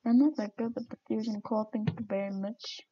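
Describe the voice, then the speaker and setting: A woman's voice: a little high, fairly even intonation, brisk, mellow, breathy edge, dull audio. A woman streaming her gameplay, chatting casually and mocking herself with giggles as she plays.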